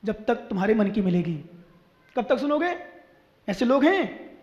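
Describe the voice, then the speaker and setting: A man preaching a sermon as a Jain monk, telling stories with emphasis, going from slow and low to loud, drawn-out high lines. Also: very animated, lo-fi sound. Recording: echoey hall with long reverb.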